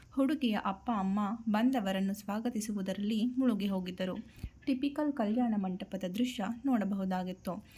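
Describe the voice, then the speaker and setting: A woman storyteller reading a scripted story narration in a calm, even way. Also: medium pitch.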